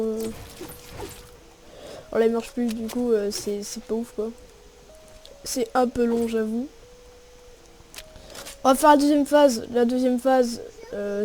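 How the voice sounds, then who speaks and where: A woman's voice: on the high side, slight background noise. A young woman giving casual, slangy gameplay tutorial commentary and voicing her own shot noises as she plays. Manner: slangy and relaxed, narrating with spoken shot noises. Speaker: gaming video creator. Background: music and gunfire from the game.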